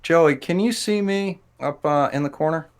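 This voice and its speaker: Brief: man in his fifties, calm polite debate moderator, sets time rules. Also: a little high, normal speed, clean tone. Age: 50s.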